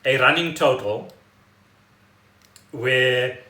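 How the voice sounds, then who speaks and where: This South African podcast co-host draws out his words in a bright, forceful, mid-range voice. He explains the news in casual, wry chat, captured in an echoey, roomy home recording.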